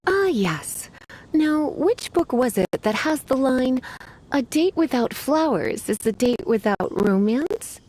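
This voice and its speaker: Lisa, coy lilting librarian. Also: female voice, high voice, expressive, slow, darkish tone, exaggerated voice, low-quality recording. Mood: teasing, flirtatious. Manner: languid, coy, teasing. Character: sultry, teasing adult female librarian with menacing streak. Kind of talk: anime game voice acting. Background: faint music.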